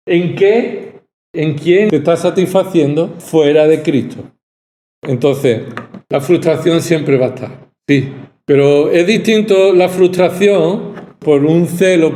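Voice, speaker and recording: A man's voice: a little high, takes it slowly, warm tone, reverberant. A male pastor from preaching a sermon, pressing his points with rhetorical questions and repetition. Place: church hall.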